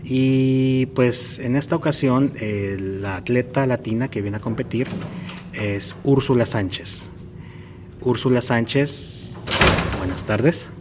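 Outdoors at a marathon event, a man hosts a podcast interview with background noise around him. He talks casually in a mid-range voice at a slow pace, with plenty of fillers and hesitations.

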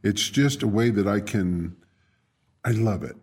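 A man chats on the radio in a low, husky voice. He stops and restarts as he searches for words, yet stays eager. His pitch moves in lively swings. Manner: halting, searches for words, enthusiastic. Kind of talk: casual chat.

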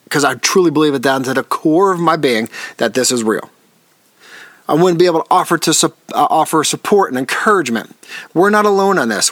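An earnest man hosts a solo podcast, his voice sitting a little higher than most men's. He encourages his listeners directly and keeps circling back to restate his phrases. The sound is dry and close, with no room around it. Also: a bit bright, no echo. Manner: addresses listeners directly as folks. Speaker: podcast host.

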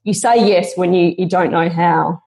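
A woman's voice: lowish voice, steady tone, normal speed, darkish tone. A woman guest on a podcast interview, speaking in an earnest, motivational and reflective way.

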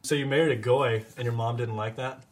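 Fast-talking young man hosting a podcast. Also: medium pitch, fairly even intonation. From Nashville, Tennessee, US. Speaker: podcast host, stand-up comedian. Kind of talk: casual podcast interview.

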